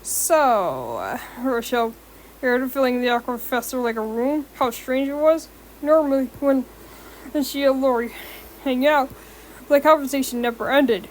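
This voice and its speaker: A woman's voice: sits high, fairly even intonation, normal speed, slight background noise. A young woman with a sore throat reading a fan-fiction story aloud, often stumbling and correcting herself. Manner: stumbling, rereads and corrects words.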